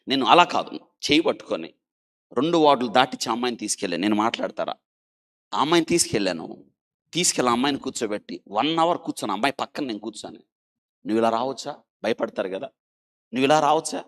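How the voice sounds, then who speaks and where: A male doctor recounts a story in an interview with lively, rising and falling pitch at a middle register. He swings from loud, emphatic bursts to hushed asides, and keeps urging his listeners to stop and think. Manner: dramatic, animated storytelling that swings between loud emphasis and quiet.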